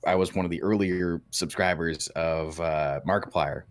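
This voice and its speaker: A man's voice: low-pitched, fairly even intonation, moderate pace, no room sound. A man, the guest in a casual interview, joking and rambling as he tells his story. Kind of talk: casual chat.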